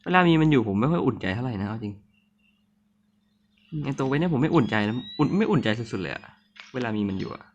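A man's voice: medium pitch, expressive, quick pace, pauses often, dull audio. A man giving nervous, jumpy commentary on a horror game, sick with a voice that sounds off, and often apologizing to viewers. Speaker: gamer. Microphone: phone mic.

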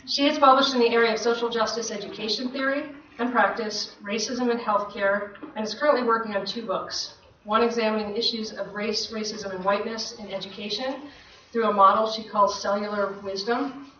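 A woman's voice: mid-range voice, fairly even intonation, a little fast, fairly bright tone. A woman hosting an event reads out a formal speaker introduction. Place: large, full seminar room. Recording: echoey, noisy, distant, slightly muffled room recording.

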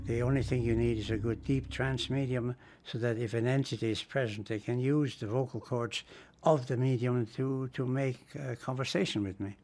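A man's voice: mid-range voice, fairly even intonation, normal speed, a little mellow. A man interviewed as a paranormal investigator, speaking in an assertive, explanatory way.

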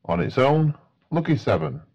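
A man's voice: on the high side, big pitch swings, normal speed, creaky, a little mellow, husky, muffled recording. A man working as a bingo caller, announcing numbers in set phrases with a matter-of-fact delivery.

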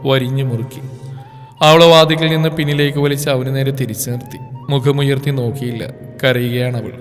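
A man reading a romance story aloud in a slow, emotive narration. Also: mid-range voice, a bit bright. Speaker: story presenter. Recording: reverb with background music.

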